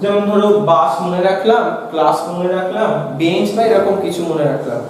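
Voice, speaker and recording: A man's voice: sits high, brisk, slight background noise. A man with a Bengali accent teaching a grammar lesson, asking his students questions and then answering them himself. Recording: echoey room from far off.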